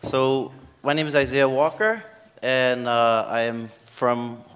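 A middle-aged man with a Hawaiian accent speaks at a podium in a university lecture hall. His voice sits at a middle pitch, and his talk is relaxed and full of ums. A long reverb trails his words through the room. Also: slow. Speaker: history professor giving a talk. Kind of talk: conference lecture. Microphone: podium microphone.

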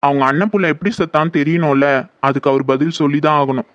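A man voicing a steady, reassuring head of the household in a horror audio drama. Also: on the high side, fast, dry recording, natural voice. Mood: firm. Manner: firm, reassuring. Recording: dull lo-fi, dry.

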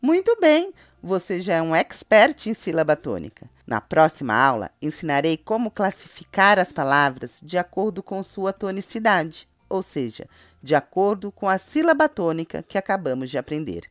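A Brazilian woman teaching a children's grammar lesson, calling out example words in a drawn-out, sing-song voice. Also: fairly low pitch, big pitch swings, no echo. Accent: Brazilian Portuguese.

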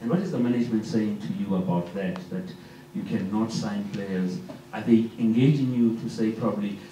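A man's voice: lowish voice, normal speed, warm tone, a little hiss or hum. A man, a sports journalist asking a long multi-part question at a press conference. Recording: echoey room, far from mic.

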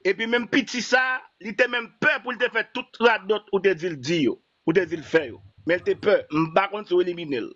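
A man's voice: high voice, brisk, few pauses, a bit bright, highs cut off. A man calling in to a live stream, pressing the host with pointed questions. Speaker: caller. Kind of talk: heated live call-in debate.

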